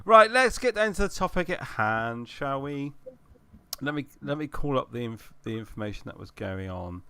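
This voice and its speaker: Lively laughing man, video call. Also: mid-range voice, normal speed, clear, resonant tone, no echo. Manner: laughing, swearing, animated. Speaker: live stream host. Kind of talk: casual chat.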